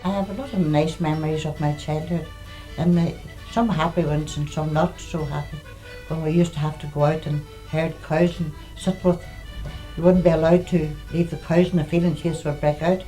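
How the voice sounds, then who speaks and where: An older woman with a Northern Irish accent looks back in casual, plain-spoken storytelling. The voice is low and dark, without any sharp edge. Soft fiddle music plays faintly behind. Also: steady tone, normal speed, rough recording. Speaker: local resident sharing memories.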